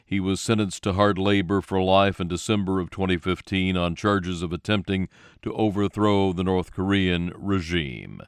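A man's voice: sits low, moderate pace, clean tone, no echo, studio quality. A man reading scripted radio news as the anchor.

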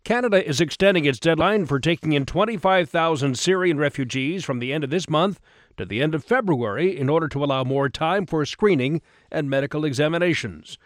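A man's voice: fairly high pitch, brisk, no echo, studio quality. A man reading a scripted radio news bulletin as the anchor.

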